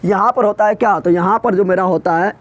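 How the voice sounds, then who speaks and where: A man teaches a class in a high, light voice. He explains in a colloquial, emphatic way and keeps firing short quiz questions back at his students. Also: a little fast, muffled recording. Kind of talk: classroom lecture.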